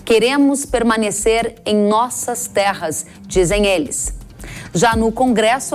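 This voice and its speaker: A woman anchoring a farm news program, reading the headlines and reports in a measured, formal way. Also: a little high.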